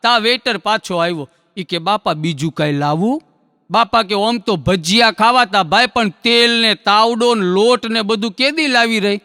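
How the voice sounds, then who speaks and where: A man telling jokes on stage, in folksy storytelling that acts out characters in quick dialogue. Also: sits high, bright, forceful tone, clean tone, in a large hall. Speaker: stand-up comedian.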